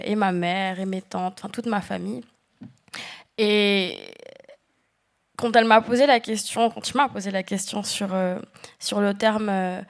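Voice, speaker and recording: A woman from French Guiana speaking as a panel guest, earnest and halting with frequent restarts. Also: mid-range voice. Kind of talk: panel discussion talk.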